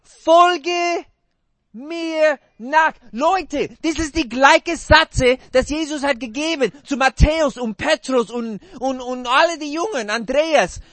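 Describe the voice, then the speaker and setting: A man preaching a sermon in halting, non-native German, putting questions to his congregation. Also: very high voice, a bit bright, dry recording. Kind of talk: interactive sermon.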